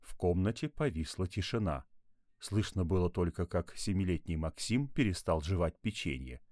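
A man with a low voice reads a playful children's tale with very animated, expressive delivery. The recording is dry and close, with no room sound. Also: moderate pace, no echo. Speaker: storyteller. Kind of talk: scripted narration of a children's tale.

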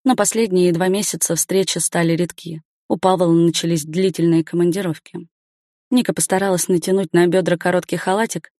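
A woman narrating a story aloud in an even, matter-of-fact reading. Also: lowish voice, fairly quick, no echo, clean studio sound. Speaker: audiobook narrator. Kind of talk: scripted narration.

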